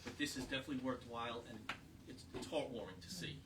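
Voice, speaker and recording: In a medium-pitched voice and at a fast pace, a volunteer gives an earnest, informal talk to a small audience, padding it with rambling fillers. The setting is a small historic house meeting room, and the recording comes from a distant mic amid background noise.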